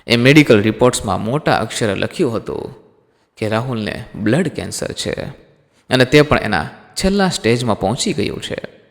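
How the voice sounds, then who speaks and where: A man's voice: fairly low pitch, gravelly. A man narrating a scripted emotional story dramatically, calling listeners his friends. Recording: long hall reverb.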